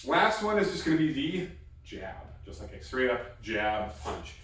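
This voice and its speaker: A man's voice: mid-range voice, sing-song, unhurried, fairly bright tone. A man teaching a martial arts technique, explaining step by step in plain instructional talk with short, repeated cue words. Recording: very echoey room, distant mic.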